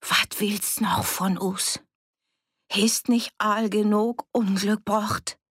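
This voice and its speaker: A woman's voice: medium pitch, steady tone, takes it slowly, fairly bright tone, husky, dry recording, studio quality, pitched above the performer's own voice. A woman reader voicing a desperate, frightened farm woman who speaks in broad rural dialect with a trembling voice.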